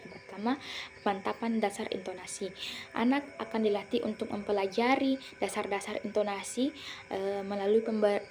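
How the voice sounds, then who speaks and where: Young woman presenting with a mellow voice. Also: medium pitch, a little hiss or hum. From Indonesia. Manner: explanatory, with frequent fillers and self-corrections. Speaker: student presenter. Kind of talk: academic presentation.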